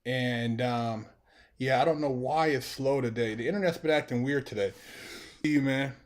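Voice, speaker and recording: A man's voice: medium pitch, moderate pace. Laid-back American man livestreaming to viewers. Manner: laid-back, colloquial, often saying "man". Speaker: live streamer, channel host. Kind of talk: casual livestream chat to viewers.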